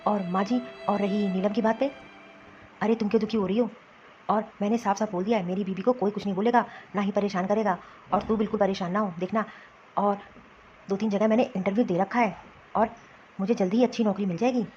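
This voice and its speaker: Cartoon husband, a woman voicing him: bossy and reassuring, mid pitch, slightly dull audio. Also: fairly even intonation, fairly quick, darkish tone, faint music behind, lightly acted. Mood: soothing. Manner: reassuring then ordering about. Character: young jobless husband, soothing but bossy. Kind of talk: Hindi cartoon voice acting.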